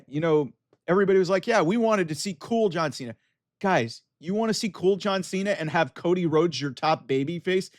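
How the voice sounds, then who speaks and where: A man's voice: on the high side, dry recording, studio quality. A man giving casual, opinionated video commentary, arguing his points emphatically and directly to his viewers. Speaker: wrestling commentator with an online channel.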